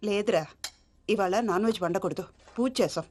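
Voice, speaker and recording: An actress playing a patient, long-suffering mother who speaks gently and with resignation in a film. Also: medium pitch, fairly quick, background noise, natural voice. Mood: soothing. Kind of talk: film dialogue.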